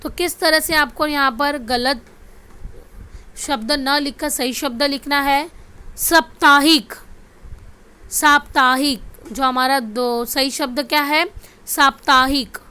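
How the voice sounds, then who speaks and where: A woman's voice: high voice, takes it slowly, pauses often, pushed and bright. A woman teaching a spelling lesson to children, saying each word twice and often checking whether the students can see it. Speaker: Hindi grammar teacher. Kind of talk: slow classroom spelling lesson.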